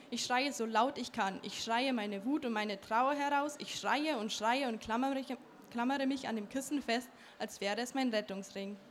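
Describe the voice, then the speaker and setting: A teenage girl reads a passage of her own novel aloud in a fairly high voice, earnest, now and then tripping on a word. Faint background noise runs beneath. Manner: earnest reading with some slips. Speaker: young author.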